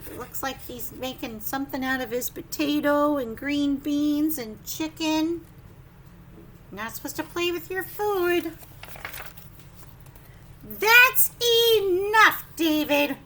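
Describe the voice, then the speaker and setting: A woman teacher with a high voice runs an animated story session for small children, sing-song and exclamatory, with frequent questions to the group. Some slight background noise is present.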